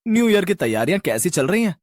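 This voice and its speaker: A man voicing a mocking rich child who teases a poor girl, sneering and taunting, in an animated story. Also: high-pitched, fast talker, dry recording, studio quality.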